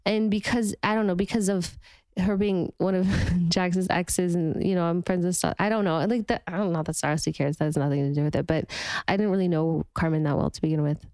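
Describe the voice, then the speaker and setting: A woman's voice: lowish voice, fairly even intonation, fairly quick, darkish tone, no echo. Dry-sounding chatty woman. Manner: chatty, lots of fillers and restarts. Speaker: podcast co-host. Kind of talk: casual chat.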